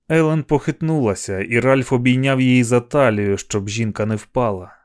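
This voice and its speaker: A man reading a novel aloud as an audiobook narrator, in a steady, measured manner. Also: medium pitch. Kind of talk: scripted narration.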